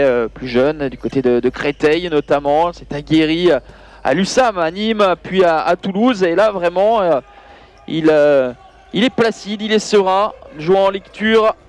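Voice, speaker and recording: A man doing live handball commentary over highlights, excitable, with his voice surging on the big plays. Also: normal speed.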